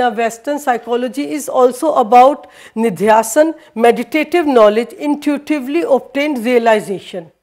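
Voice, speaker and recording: Lecturing to university students, this high-voiced native Hindi speaker hesitates often, using many fillers and restarts and slipping into Danish. Her tone is darkish, and a far camera picks her up from across the room.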